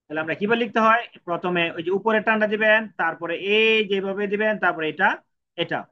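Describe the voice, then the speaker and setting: Male language tutor, high bright voice, lo-fi sound, patient stroke-by-stroke delivery. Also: fast, slight background noise. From Bangladesh. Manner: repetitive, counts out each stroke. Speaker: Japanese language teacher. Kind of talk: step-by-step writing lesson. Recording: dull lo-fi recording.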